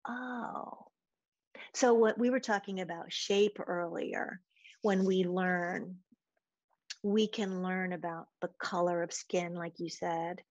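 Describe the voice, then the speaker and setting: A woman with a somewhat low voice talks slowly as a podcast guest, telling stories about teaching. Her manner is thoughtful and she laughs easily. The recording is dry and a little dull. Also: a little mellow, no room sound. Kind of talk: casual interview chat.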